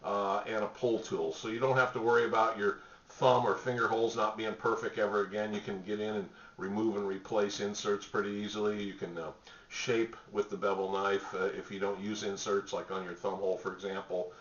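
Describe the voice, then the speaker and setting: A middle-aged man pitching gift products to the camera from a small home office, relaxed and rambling with many fillers. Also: a little fast. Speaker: store spokesman presenting products. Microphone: webcam at desk distance. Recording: roomy, distant, dull webcam audio.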